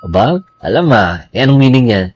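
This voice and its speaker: A man playing a curious adult male friend who quizzes a learner with quick teasing questions. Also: medium pitch, sing-song, lo-fi sound.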